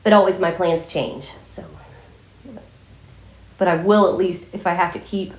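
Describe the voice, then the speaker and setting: Woman, lower-pitched voice, scratchy sore throat from a cold, casual rambling vlog chat, trailing off, echoey room. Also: fairly even intonation, a little slow. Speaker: vlogger addressing viewers.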